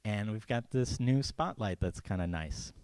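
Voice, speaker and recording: A low-voiced man in his thirties hosts a live event indoors, speaking into a handheld mic. He is offhand and joking, with plenty of "uh"s. The sound is dry, with little room echo. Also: normal speed. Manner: relaxed, offhand, joking, with many fillers. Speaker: event host. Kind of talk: casual live event introduction. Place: small event space indoors. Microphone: handheld microphone.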